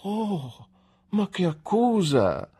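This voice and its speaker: Una donna che legge la voce di una giovane moglie offesa, in lacrime, che rimprovera con tono acuto e supplichevole. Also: female voice, normal speed, a little mellow, breathy edge. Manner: shrill, reproachful pleading. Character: young wife, wounded and tearful. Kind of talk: audiobook reading.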